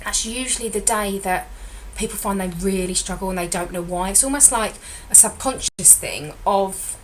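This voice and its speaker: A weight loss consultant in middle age posts a chatty diet vlog update that wanders, with frequent self-corrections. Her slightly croaky voice is medium-pitched and moderately paced, and the low-quality recording has slight background noise.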